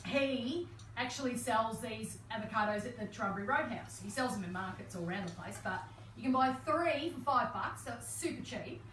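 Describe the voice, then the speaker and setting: A woman's voice: on the high side, expressive, moderate pace, fairly bright tone, reverberant, recorded from a distance, slight background noise, poor audio. A woman co-hosting a live cooking stream in a home kitchen, chatty and bubbly, laughing often. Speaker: cooking show co-host.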